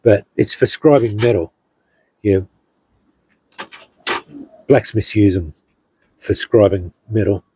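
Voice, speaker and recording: A middle-aged man, a hobby blacksmith, casually showing off his finished pieces in an unhurried, rambling way, with many ums and restarts. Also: fairly low pitch, warm tone, breathy edge, low-quality recording. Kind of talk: casual show-and-tell narration.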